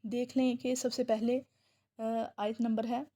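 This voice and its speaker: A woman with a mellow, warm voice gives a patient tajweed lesson. She repeats words slowly to model pronunciation and often pauses to check in. She slowly draws out recited verses as examples. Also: a little high, flat delivery. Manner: says "ٹھیک ہے" often as a check-in; chants Quranic verses slowly in a drawn-out recitation. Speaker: Quran recitation teacher.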